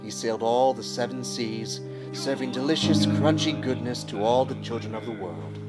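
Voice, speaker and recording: An actor playing an earnest noir detective, narrating and questioning in a film noir parody. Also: male voice, mid-range voice, moderate pace, lightly acted. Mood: brooding narration. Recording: loud music over the voice.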